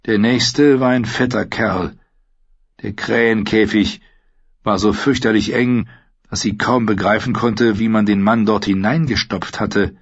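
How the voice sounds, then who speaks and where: A man narrating an audiobook in a steady, measured reading. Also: fairly low pitch, breathy edge, dry recording. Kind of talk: scripted narration. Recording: dull lo-fi sound.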